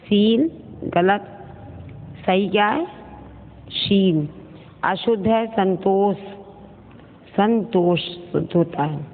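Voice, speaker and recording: A woman school teacher giving a recorded grammar lesson to young pupils. She speaks slowly and carefully and repeats each word to set the wrong form against the right one. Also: medium pitch. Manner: addresses pupils fondly as children. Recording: tinny phone-like audio with long reverb and faint noise.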